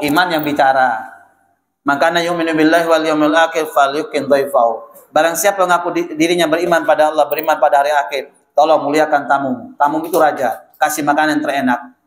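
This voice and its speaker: A man preaching a lively, chatty sermon in a mosque, often addressing listeners directly. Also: high voice. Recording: echoey mosque hall.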